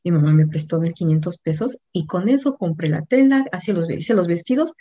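A middle-aged woman with a Mexican accent, a coach recounting a personal story in a lively, anecdotal way, often correcting herself mid-sentence. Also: on the low side, fairly quick, breathy edge.

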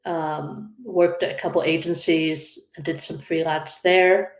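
A Scottish woman in her thirties with a fairly low voice, talking easily as a podcast guest. She fills her sentences with ums and laughs along the way. The sound is roomy, with a clear echo around her. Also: flat delivery, measured pace. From Scotland. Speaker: guest graphic designer. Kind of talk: casual interview chat.

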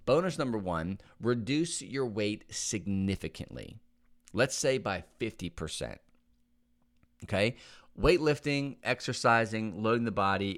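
A man with a fairly low voice coaches listeners through gym work in a relaxed podcast monologue. He talks as if chatting with a friend, doubling up words for emphasis and often pausing to ask "okay?" along the way. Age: adult with young kids. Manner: conversational, repeats words for emphasis, checks in with "okay?". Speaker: podcast host and back-pain fitness coach. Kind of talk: casual instructional podcast monologue.

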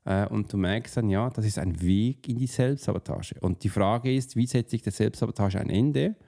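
In a motivational monologue about self-sabotage, a profiling coach speaks at a moderate pace in a lowish, mellow voice with vocal fry. His style is informal: he addresses the listener directly, tosses out casual rhetorical questions, and restarts words partway through.

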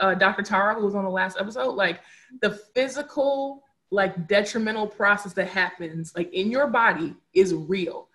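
Speaking as a podcast guest, a young adult woman shares candid conversational stories in a mid-range, fairly bright voice. She is earnest and reflective. She often repeats words to emphasize them.

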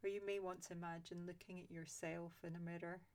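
A woman guiding a loving-kindness meditation, speaking slowly and softly with long pauses. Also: lowish voice. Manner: slow, soft and calm with long pauses. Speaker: meditation guide.

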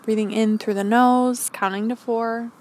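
A woman podcast host leading a calm grounding meditation, giving gentle, encouraging instructions. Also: fairly high pitch, a little slow.

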